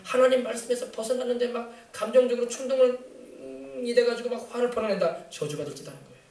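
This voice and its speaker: A man's voice: extremely high pitch, fast talker, vocal fry, darkish tone, distant mic. Emphatic male preacher in an echoey church. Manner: emphatic, colloquial preaching with rhetorical questions. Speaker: pastor. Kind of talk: sermon. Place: church sanctuary.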